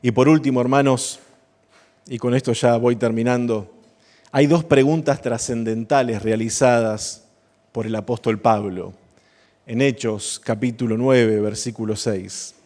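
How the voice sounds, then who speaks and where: A man's voice: medium pitch, steady tone, a little slow, a little mellow. A man preaching a sermon at an evangelical church service, emphatic and building to impassioned exhortation. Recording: long church reverb, faint instrument music.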